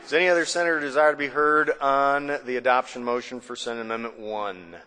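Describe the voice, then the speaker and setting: Bright-voiced man presiding over a senate. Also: medium pitch, fairly even intonation, clear, resonant tone. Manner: brisk, formal parliamentary phrasing. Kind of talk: formal floor procedure. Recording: reverberant legislative chamber.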